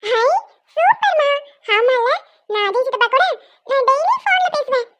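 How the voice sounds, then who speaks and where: A woman voicing an excited, curious little girl in a cartoon, with chirpy, eager questions. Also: very high voice, moderate pace. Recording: dull dry sound.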